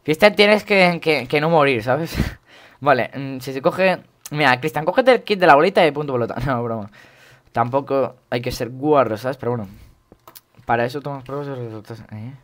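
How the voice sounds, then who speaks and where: A young man from Spain with a Spain Spanish accent, jokey and excitable, commentating his gameplay and repeating words in quick bursts. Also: mid-range voice. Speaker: gaming YouTuber.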